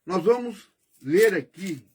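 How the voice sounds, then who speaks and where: A man leads a prayer and opens his sermon, speaking from his own room at home. His voice sits high for a man. He runs through long, rapid lists of praise in a soft, low-key tone. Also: animated, breathy edge. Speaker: preacher.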